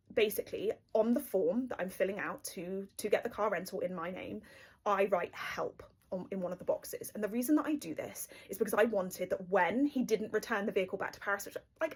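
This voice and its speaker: A woman's voice: mid-range voice, breathy edge. A young woman from the UK telling her story in a casual, breathless rush, with lots of fillers. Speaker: storyteller recounting her marriage.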